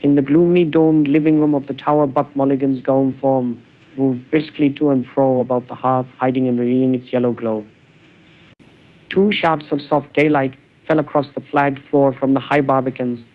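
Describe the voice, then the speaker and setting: A cloned synthetic man's voice reading literary prose in a measured, brooding way, heard through a narrow phone-like band. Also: medium pitch, little pitch movement.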